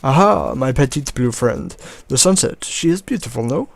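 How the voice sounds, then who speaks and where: A man's voice: medium pitch, expressive, moderate pace, vocal fry. A man voicing a flamboyant French male propeller knight in a put-on French accent, theatrical and near giggles. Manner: theatrical, giggling, breaking character.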